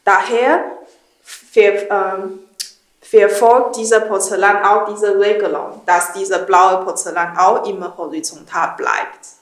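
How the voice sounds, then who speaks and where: A woman in her thirties from Taiwan, a ceramic designer explaining her work in careful, halting German with many fillers. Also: mid-range voice, steady tone. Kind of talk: studio tour explanation. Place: indoor ceramics studio, small room. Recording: roomy studio echo.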